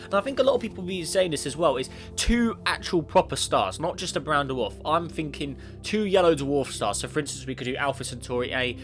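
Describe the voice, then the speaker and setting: With a bright-ish, expressive voice on the high side, he talks briskly and seldom pauses. He's a gaming YouTuber with a cold, sniffling through casual space sim commentary, wandering off topic, correcting himself, and chatting to the game, backed by clear music.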